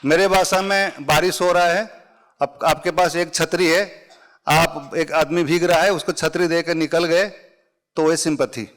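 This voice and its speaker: A man's voice: fairly high pitch, fairly even intonation, a little slow, fairly bright tone. A middle-aged man giving a conversational public speaking workshop to a live audience, mixing English phrases into his talk and illustrating points with everyday examples.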